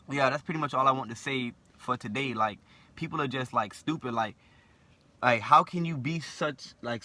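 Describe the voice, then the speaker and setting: A young vlogger with a lisp talks straight to camera in a blunt, opinionated monologue. His medium-pitched voice sounds pushed and bright, and he keeps repeating himself, tacking "right?" onto nearly every line.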